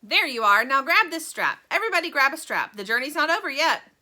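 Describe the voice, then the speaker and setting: A woman voicing an eccentric, excitable male chocolate maker, loud and theatrical. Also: high-pitched, a little fast, pitched above the performer's own voice, full character voice. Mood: excited.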